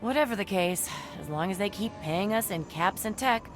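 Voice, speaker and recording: A woman playing a skeptical caravan guard in a video game. She has a medium-pitched voice and explains in a dry, measured way, with music behind her. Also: expressive, natural voice. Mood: wry. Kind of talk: video game character dialogue.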